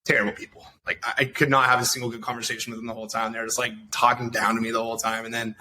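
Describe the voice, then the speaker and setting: A man's voice: medium pitch, little pitch movement, rapid-fire, pushed and bright, slight background noise. A man in his thirties, a podcast guest telling stories in loose, profane, rambling casual chat full of fillers. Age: 30s.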